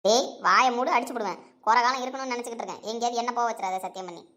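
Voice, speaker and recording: A woman voicing a sharp-tongued old village grandmother in a cartoon, gruff and scolding. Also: high-pitched, racing. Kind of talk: cartoon voice acting.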